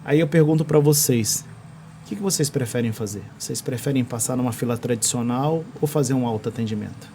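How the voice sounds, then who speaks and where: A man's voice: mid-range voice, fairly quick, warm tone, a little hiss or hum. A man with a Brazilian accent explaining technology as a podcast guest in a studio, restarting phrases as he searches for words. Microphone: studio microphone.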